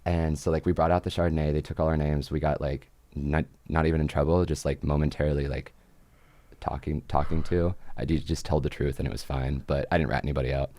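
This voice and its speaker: A man's voice: rumbling low, level tone, fast, dark tone, no echo. A young man hosting a casual chat show, rambling and chatty, full of fillers and laughs. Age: young adult. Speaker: podcast host.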